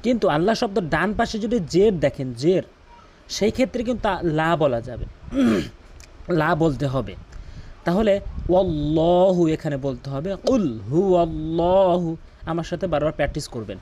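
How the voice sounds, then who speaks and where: A man gives a Quran pronunciation lesson. He patiently explains each rule, then repeats the words slowly in a melodious recitation for listeners to practise. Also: a little high, big pitch swings, a little mellow.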